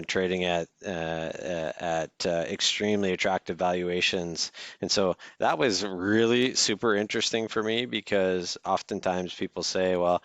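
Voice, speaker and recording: A man co-hosting a finance podcast in casual conversation, relaxed and measured, with frequent filler pauses. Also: sits low, dry recording. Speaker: podcast co-host, investment advisor.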